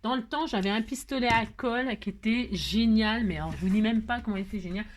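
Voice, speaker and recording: A woman's voice: a little high, quick pace, a little hiss or hum. A French woman hosting a crafting tutorial, chatting casually to viewers as she works, humming little tunes and scolding herself over slips. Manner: chatty, talks to herself while working, hums little nonsense tunes; expressive, scolds herself when upset. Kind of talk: casual live crafting chat.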